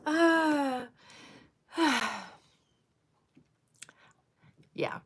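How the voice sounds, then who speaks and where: A woman in her sixties chatting casually on a livestream while she does her makeup, rambling from one tangent to the next and sometimes dropping to a soft murmur. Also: sits high, expressive, drawn-out words. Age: 60s. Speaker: livestream host.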